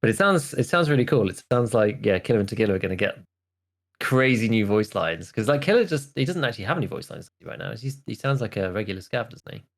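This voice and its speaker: A man with a somewhat low voice co-hosts a podcast in an easygoing, unscripted way. He hedges a lot, and his talk is full of filler words and false starts. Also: very animated, fast talker, vocal fry. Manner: loose and hedging, many "like" fillers and restarts. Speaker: podcast co-host. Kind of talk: casual chat.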